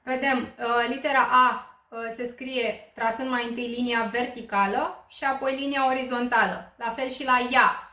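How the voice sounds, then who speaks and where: A woman's voice: on the high side, fairly even intonation, sharp tone. A woman from Romania teaching an online language lesson, explaining patiently with frequent hesitant fillers. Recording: roomy echo.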